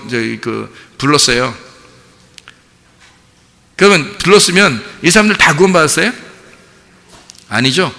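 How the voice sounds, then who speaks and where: Male pastor, sermon, gravelly forceful voice, long church-hall reverb. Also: on the high side. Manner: animated preaching, acting out a parent and child with laughs. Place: church sanctuary.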